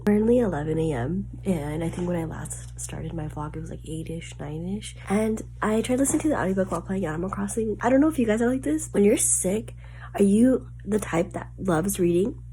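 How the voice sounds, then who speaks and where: A woman's voice: lowish voice, moderate pace, dark tone, slight background noise. A young woman with a sick, stuffy nasal voice, chatting casually in a book vlog and rambling with lots of filler words. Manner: rambling, filler-heavy talk with many "like"s. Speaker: book vlogger. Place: at home.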